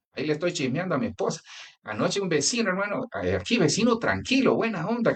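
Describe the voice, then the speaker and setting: A man's voice: medium pitch, a bit bright, husky. A man from Colombia preaching a sermon with a Colombian Spanish accent, talking straight to the congregation and breaking into personal anecdotes. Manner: conversational preaching with anecdotes and direct address. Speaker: pastor.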